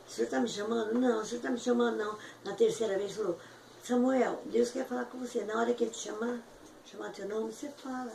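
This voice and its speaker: A woman tells a personal testimony with fervent emotion, her voice leaping high at the peaks. She sounds distant from the mic in a roomy, echoey space, with faint background noise. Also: gravelly, darkish tone. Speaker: testimony giver.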